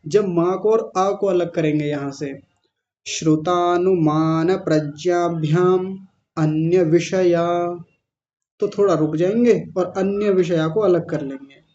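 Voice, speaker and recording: A male teacher leading a recitation class, chanting verses syllable by syllable, correcting pronunciation and often clearing his throat. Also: high voice, dark tone, lo-fi sound. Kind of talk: online class pronunciation drill.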